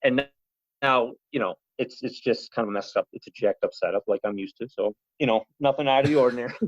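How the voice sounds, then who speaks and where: A man telling a story on a podcast in a rambling, animated way, full of "you know" and "he goes". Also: medium pitch, brisk, slightly rough. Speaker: podcast guest. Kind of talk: casual storytelling. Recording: slightly muffled podcast audio.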